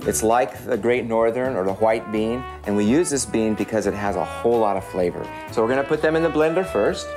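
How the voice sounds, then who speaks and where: Man giving step-by-step cooking instruction over music. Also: fairly low pitch. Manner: explanatory, addresses his learner directly. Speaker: chef giving a cooking demonstration. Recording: music under the voice. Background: background music with guitar.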